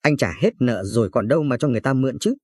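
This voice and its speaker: A man's voice: medium pitch, lively intonation, rapid-fire, darkish tone, no room sound, studio quality, lightly acted. A man voicing a young wife who keeps apologizing to her husband, in a pleading manner.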